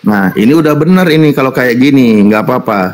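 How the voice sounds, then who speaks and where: Teasing male debater, mid-pitched voice. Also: expressive, quick pace, crowd noise. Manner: teasing, mocking, repeats taunts. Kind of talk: heated online interfaith debate.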